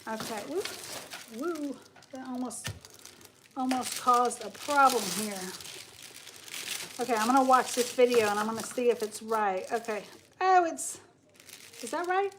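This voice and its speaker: Over a noisy background, a woman in her 40s speaks at a measured pace with frequent pauses, her voice on the high side. She hosts a craft livestream, chatting casually with viewers while crafting and reading comments aloud.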